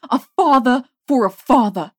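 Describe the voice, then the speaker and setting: A cold, smug young woman bent on revenge, voiced by a woman narrator, her words sharp and scornful. She spits resentment in a dry, close audiobook voice. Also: on the low side, fairly even intonation, measured pace, dry recording. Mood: furious. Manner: scornful, cutting.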